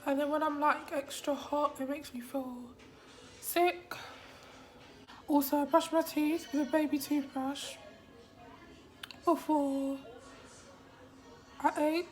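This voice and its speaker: A woman vlogging from a hospital room after surgery, her voice hoarse and weak, often dropping to a whisper. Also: high voice, steady tone, takes it slowly, pauses often, faint music behind. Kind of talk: casual vlog.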